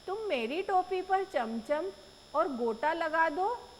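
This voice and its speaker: A woman's voice: extremely high pitch, animated, slow pace, pitched above the performer's own voice, exaggerated voice. A woman voicing a cocky, boastful little male mouse who makes bossy threats in a sing-song chant. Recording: echoey room, faint noise.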